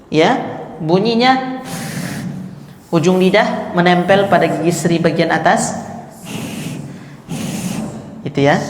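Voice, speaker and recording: A man's voice: high-pitched, roomy sound, big-room sound. A man teaching Quran recitation, patiently explaining and demonstrating how each letter should sound. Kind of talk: tahsin lesson on letter articulation. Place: mosque.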